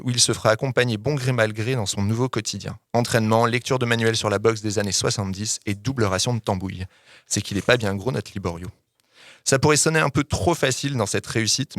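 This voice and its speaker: A man's voice: on the low side, dry recording. Man reading a gritty excerpt, dry. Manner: lively dramatic reading with coarse slang. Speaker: podcast co-host giving a book tip. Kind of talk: reading a novel excerpt aloud, then casual chat.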